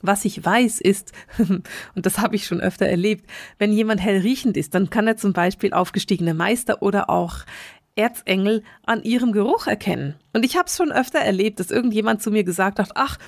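A middle-aged woman talks very fast and urgently as she hosts a solo teaching podcast. Her voice sits at an ordinary middle pitch. It is recorded dry, with no room sound. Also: a little mellow, no room sound. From Switzerland, grew up in Bern. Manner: talks very fast and urgently, repeats words for emphasis. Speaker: podcast host, spiritual medium.

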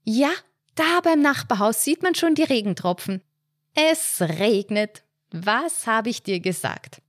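A woman's voice: fairly high pitch, slow pace, dry recording, clean studio sound, voice pushed up. A woman doing a fussy old Viennese wife. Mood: triumphant. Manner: excited, insistent, triumphant. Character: agitated stubborn elderly Viennese wife.

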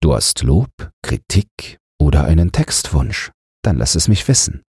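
A man reading rhyming verse aloud for an audiobook podcast, in a measured, rhythmic way. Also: a bass voice, big pitch swings, gravelly, darkish tone, husky, no room sound, studio quality.

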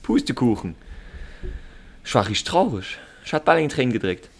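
Ein Mann mit luxemburgischem Akzent plaudert mit mittlerer Stimmlage über Fußball. Er spricht lebhaft und voller Ausrufe. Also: male voice, mid-range voice, brisk, husky. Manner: expressive, exclamatory. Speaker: podcast co-host. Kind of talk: casual sports chat.

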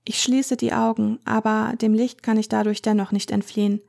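A woman narrating a first-person story in a measured, tense way. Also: a little high, little pitch movement, gravelly, darkish tone. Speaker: audiobook narrator.

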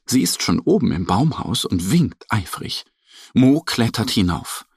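A man narrating a children's story in a very expressive, sing-song storytelling manner. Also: on the low side, a little slow, slightly rough, no echo, clean studio sound.

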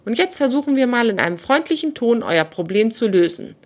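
A woman voicing a friendly, motherly wild sow who calms others in a children's storybook reading. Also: on the high side, a little fast, pitched above the performer's own voice. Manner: kind and soothing.

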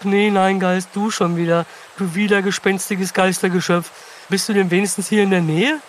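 Kids' audio story: man voicing an upbeat lightning horse, high, bouncy and exclamatory, faint hiss behind. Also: steady tone, moderate pace, close to an everyday voice. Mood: excited. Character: eager cheerful young male lightning-fast horse. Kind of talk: children's audio story acting.

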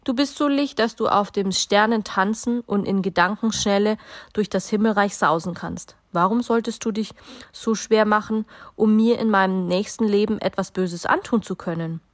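A woman voicing an excitable, childlike little soul in a storybook reading, with a high, eager voice. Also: normal speed, dry recording, studio quality, natural voice. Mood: wondering. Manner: high, bright and eager, voice jumping up.

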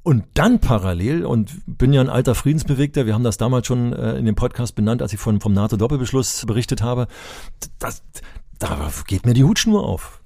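In a conversational podcast, an older German man from Berlin who advocates for education gets impassioned, emphatic and rhetorical, heating up when angered. His medium-pitched voice is gravelly and warm and a little fast, captured dry at studio quality.

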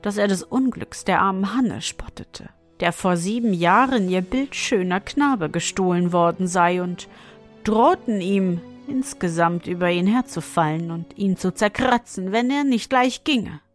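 A woman reading a fairy tale aloud in a calm, measured way. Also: medium pitch. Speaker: storyteller. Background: soft music.

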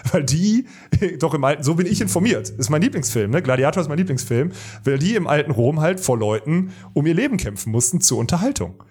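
A podcast co-host who talks quickly and loosely. He rambles, cuts himself off, and circles back to finish his thoughts. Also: fairly high pitch, very animated, a little mellow, slightly rough. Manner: rambling, self-interrupting, laughs easily. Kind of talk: casual podcast chat.

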